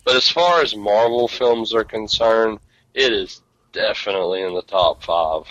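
Man, podcast co-host, emphatic, bright tone, dull lo-fi mic, dry. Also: lowish voice, normal speed, no echo. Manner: emphatic, repeats himself. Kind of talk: casual chat.

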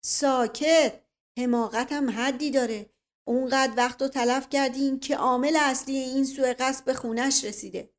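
Woman doing a paranoid old uncle yelling at everybody, loud furious rant. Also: sits high, steady tone, voice pushed up, lightly acted. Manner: loud outraged ranting. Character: paranoid older male uncle, furious and ranting.

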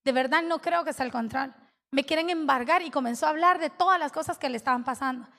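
Woman pastor, lively storytelling sermon, high voice ringing through a long reverb. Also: fast. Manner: animated storytelling, acting out quoted dialogue.

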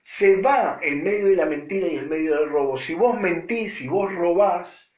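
A man preaching a sermon with a Rioplatense Spanish accent, repeating phrases for stress and swinging between loud and hushed delivery. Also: high voice, normal speed, roomy sound.

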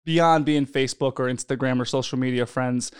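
A young man hosting a casual podcast from his home studio, chatty and quick to laugh, with loose restarts. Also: medium pitch, fairly even intonation, smooth, no room sound. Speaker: podcast host.

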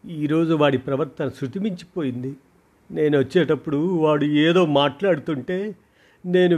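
A man doing a tearful teenage schoolgirl. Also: natural voice. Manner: sobbing, pleading, high-pitched.

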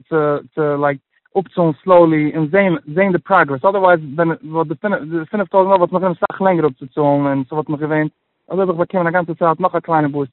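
Guy on a phone call, kinda high voice, keeps restarting sentences, mixes in english, dry tinny sound. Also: dry recording. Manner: halting, many restarts, mixes in English phrases. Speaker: guest sharing his personal budgeting story. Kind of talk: casual interview chat.

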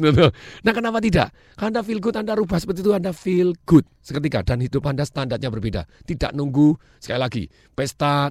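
Man, motivational speaker, rapid-fire delivery, emphatic, dry close recording. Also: a little high, dry recording. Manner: energetic, emphatic, mixes English phrases, laughs. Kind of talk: motivational talk.

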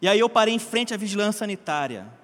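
Um homem brasileiro contando um testemunho em tom de pregação, animado, alternando gritos e murmúrios e chamando os ouvintes de gente e queridos. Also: male voice, high-pitched, sing-song, fast talker, fairly bright tone, in a large hall. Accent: Brazilian Portuguese. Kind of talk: sermon-style personal testimony.

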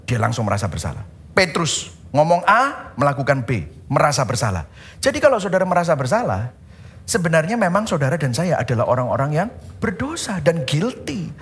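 A man preaching a sermon as pastor, animated, moving between loud calls and hushed words and acting out quotes. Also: a little high.

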